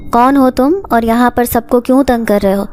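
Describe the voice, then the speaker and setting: A woman's voice: on the high side, background noise, lightly acted. A woman voicing a stern older male exorcist who questions sharply. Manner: stern, scolding.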